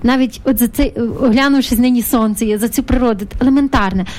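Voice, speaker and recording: A woman's voice: a little high, fast talker, a little mellow. A woman hosting a live religious call-in radio show, chatting with a priest in a hesitant way with many filler sounds. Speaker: radio host. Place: radio studio.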